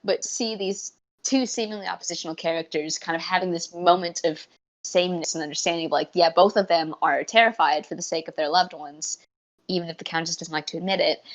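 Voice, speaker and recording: A woman's voice: on the low side, steady tone, a little fast. A woman co-hosting a podcast in casual chat, eager and rambling, often restarting her sentences. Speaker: podcast co-host.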